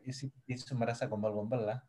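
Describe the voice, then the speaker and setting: Young man, halting speech. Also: medium pitch, little pitch movement, darkish tone. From Nepal. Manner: halting, hesitant, mixing in English phrases. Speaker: guest. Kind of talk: casual interview chat.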